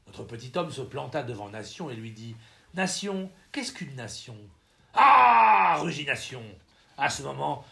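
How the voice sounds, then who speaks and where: A man narrating a novel as an audiobook reader, telling the story in an expressive, ironic manner. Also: mid-range voice, vocal fry.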